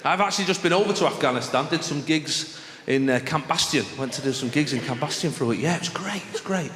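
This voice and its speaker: A Mancunian comedian performs to a live audience in a big venue, spinning conversational stories and acting out the exchanges. His fairly high voice is animated and fast, with crowd noise, heard in an echoey hall with clear background noise.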